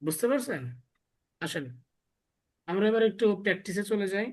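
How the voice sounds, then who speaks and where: A man's voice: high-pitched, breathy edge. Man drilling Arabic letter sounds. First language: Bengali. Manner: repetitive, drills syllables slowly and asks students to repeat. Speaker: Arabic alphabet teacher. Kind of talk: classroom lesson with call-and-response drilling.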